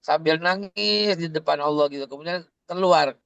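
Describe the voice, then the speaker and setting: A man co-hosting a religious talk, telling stories in a lively, slangy way and acting out quotes. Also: a little high, moderate pace, creaky, clean tone, no echo. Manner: animated storytelling, slangy, acts out quotes. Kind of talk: casual religious discussion.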